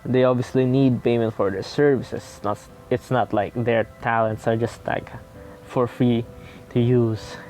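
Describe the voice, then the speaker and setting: Profane, excitable man reading a game aloud. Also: mid-range voice, measured pace, soft background music. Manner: profane, excitable, self-mocking. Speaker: gamer playing a visual novel. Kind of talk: reading game text aloud with casual commentary.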